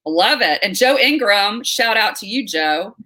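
With a mid-range voice at normal speed, a middle-aged woman from North Carolina tells stories during a relaxed interview. Her delivery is lively but peppered with fillers and restarts.

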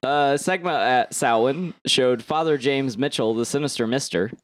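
A man's voice: medium pitch, dry recording. Giggly man reading podcast headlines. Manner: giggly, reads news haltingly. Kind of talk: casual podcast chat.

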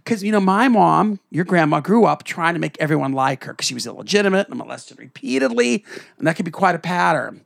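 Gravelly, swooping, theatrical middle-aged man. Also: on the high side, very animated, a little fast, no room sound. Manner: theatrical, swooping voice, profane and blunt. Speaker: podcast co-host. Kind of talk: candid family storytelling.

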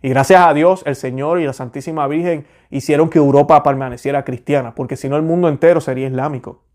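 Male preacher, fairly high voice, fervent and repetitive, loose unscripted delivery. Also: fairly even intonation, fast, a little mellow. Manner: fervent, repeats key phrases for emphasis; hesitant restarts mid-sentence. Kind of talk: informal sermon.

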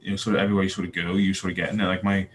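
Low-voiced and flat, this young man from Northern Ireland rattles along rapid-fire with a Belfast accent. As a podcast guest in casual interview talk, he's hesitant, filling and restarting often. A little hiss or hum sits under the recording.

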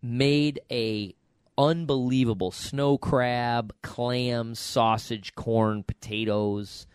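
A man hosting a podcast in casual, jokey chat, his voice hoarse and raspy from allergies, like a smoker's rasp. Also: mid-range voice, fairly even intonation, drawn-out words, dry recording, clean studio sound. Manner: jokey, colloquial. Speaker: podcast host.

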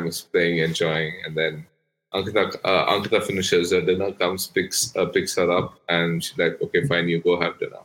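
Low bright-toned man in an echoey room. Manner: rambling storytelling with many fillers. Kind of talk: casual football chat.

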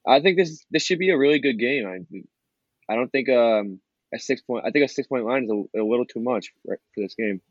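A man co-hosting a casual sports betting talk show, speaking in halting bursts full of restarts. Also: mid-range voice, animated, husky, dry recording. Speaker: podcast co-host. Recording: dull lo-fi remote line.

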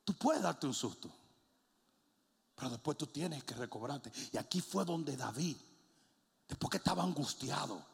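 A middle-aged man preaching a sermon in a large church, telling funny stories and then shouting as he builds. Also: fairly high pitch, expressive, normal speed, creaky, long pauses, husky. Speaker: pastor. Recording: long hall reverb.

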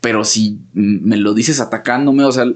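A man's voice: on the low side, moderate pace, a little mellow. A young man with a Mexican Spanish accent chatting casually on a podcast, telling a rambling story full of slang and fillers. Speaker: podcast co-host. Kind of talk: casual conversation.

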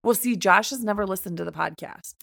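A woman in her thirties co-hosting a podcast, chatting casually and telling animated, joking stories. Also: medium pitch, a little fast, creaky, dry recording, clean studio sound. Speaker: podcast co-host. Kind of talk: casual chat.

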